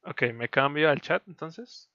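A man's voice: fairly high pitch, unhurried, bright, forceful tone, highs cut off. A man with a Mexican Spanish accent hosting a stream in casual chat over an online call, loose and joking, with lots of fillers. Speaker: stream host.

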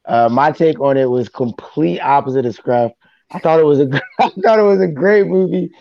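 A man's voice: a little high, brisk, gravelly, no echo. Male podcast host, dry slightly dull sound. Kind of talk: casual chat.

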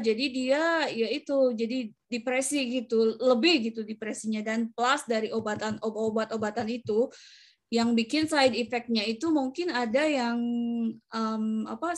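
A woman who works as a nurse, chatting casually on a podcast and telling rambling stories full of fillers. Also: fairly high pitch. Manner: anecdotal, rambling storytelling with many fillers.

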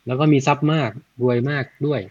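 A man retelling a Buddhist story in a casual, chatty way, often adding soft tag words and working out sums aloud. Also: mid-range voice, little pitch movement, quick pace, dull audio. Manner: chatty, frequent "na" tags, thinks aloud with math.

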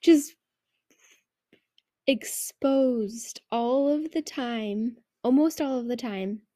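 A woman's voice: fairly high pitch, drawn-out words, dark tone, no room sound, studio quality. A woman in her thirties hosting a casual solo podcast, rambling and self-deprecating as she thinks aloud, recorded indoors under a blanket. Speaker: podcast host.

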